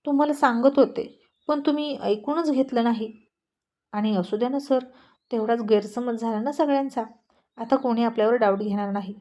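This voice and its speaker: Woman doing anxious young heroine, pleading, higher mellow voice. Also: moderate pace, lightly acted. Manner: pleading, fearful.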